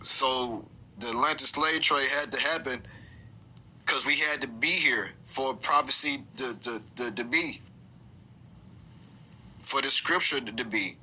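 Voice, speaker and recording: A man teaching scripture informally, reading verses aloud slowly and often stumbling and repeating his words. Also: mid-range voice, sharp tone, a little hiss or hum, poor audio.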